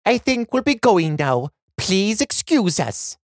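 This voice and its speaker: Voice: mid-range voice, big pitch swings, slow pace, no echo, studio quality, pitched above the performer's own voice. A narrator voicing a polite, anxious young girl heroine in a fantasy storybook.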